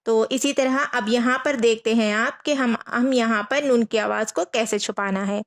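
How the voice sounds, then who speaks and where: A woman teaching a Quran reading lesson, patiently repeating each rule, asking her students questions and slowly spelling out letters. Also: fairly high pitch, steady tone. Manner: patient, repeats rules and asks rhetorical questions.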